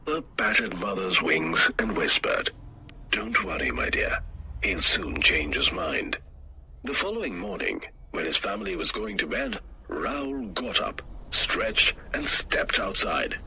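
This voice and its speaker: Male narrator, storybook read-aloud, lively pitch, high character voices. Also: takes it slowly, slight background noise. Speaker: model reading narrator.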